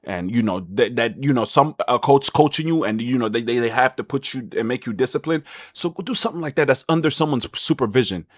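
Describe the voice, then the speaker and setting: A young man telling a personal story in a casual, slangy, animated way to camera. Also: quick pace, hardly any pauses, no room sound, studio quality. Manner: animated, swings into high excited voice for quoted thoughts; slangy, loose and candid. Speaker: vlogger.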